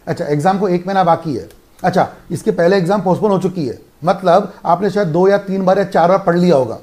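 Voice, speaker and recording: Indian male law tutor, high voice, emphatic revision lecture, quick rhetorical questions. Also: dark tone. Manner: emphatic, asks and answers his own questions. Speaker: law teacher.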